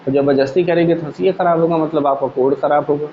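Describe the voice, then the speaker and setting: A man's voice: on the high side, fairly even intonation, fast talker. Man teaching in an echoey room. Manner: explains step by step with everyday examples, asks the class questions. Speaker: computer teacher. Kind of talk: classroom lecture. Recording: echoey room, dull lo-fi sound, faint hum.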